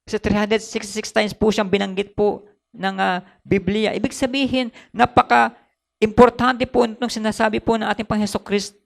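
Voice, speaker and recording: A Filipino man preaching from the pulpit in a very high voice with a heavy gravelly fry. He slips between Tagalog and English and doubles back on his phrases to drive each point home. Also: flat delivery, normal speed. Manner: mixes Tagalog with English, repeats phrases for emphasis. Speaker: pastor. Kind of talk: sermon.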